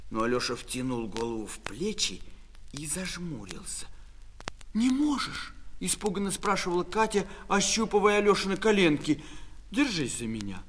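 A man reading a children's story aloud with expressive storytelling. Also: high voice, long reverb tail. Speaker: narrator.

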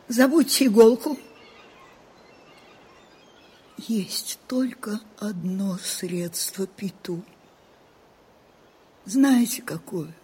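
A woman's voice: mid-range voice, slow pace, a little mellow, a little hiss or hum, lightly acted. An actress playing an imperious, forgetful elderly grande dame who commands and coaxes her secretary in a dubbed film drama. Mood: insistent. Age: older. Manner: commanding, then coaxing and pleading. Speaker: aging grande dame dictating her memoirs.

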